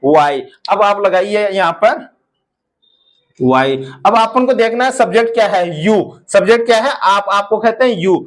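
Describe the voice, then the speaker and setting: A man with an Indian accent teaching English grammar in a classroom style. He drags out each English sentence slowly, speeds through his Hindi explanations, and calls his viewers son and daughter. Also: sits high, lively intonation.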